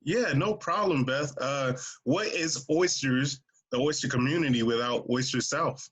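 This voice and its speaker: A man hosting a podcast interview over a video call, laid-back and joking, with halting, restarting questions. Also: medium pitch, fairly bright tone, breathy edge. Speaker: podcast host. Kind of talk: casual interview chat.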